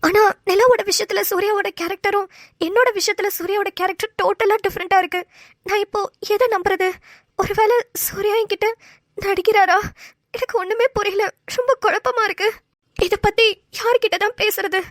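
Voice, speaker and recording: A woman's voice: very high voice, fairly even intonation, moderate pace, no room sound, studio quality. A woman voicing an anxious, confused young woman in an amateur cartoon, fretting and thinking aloud. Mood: worried.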